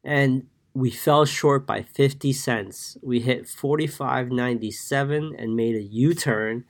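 A man with a medium-pitched, unhurried voice hosts a market podcast through a podcast mic, sounding congested from a cold. He gives a casual daily recap full of fillers while reading numbers from his notes.

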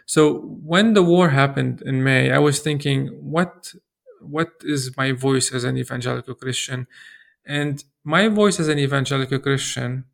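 A middle-aged man from Lebanon, answering an interviewer in an earnest, measured way with frequent restarts. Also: medium pitch, creaky. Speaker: interview guest.

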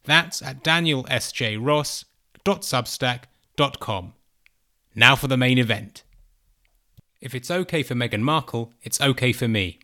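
A man's voice: medium pitch, bright, forceful tone. Man narrating a podcast script. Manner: measured, read-aloud delivery. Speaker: podcast host.

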